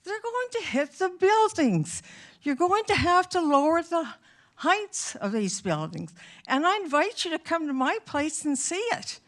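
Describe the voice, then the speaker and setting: Emphatic woman, high lively voice. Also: unhurried. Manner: emphatic, indignant, repetitive. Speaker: resident speaking at a council meeting. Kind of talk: public delegation speech. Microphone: podium microphone.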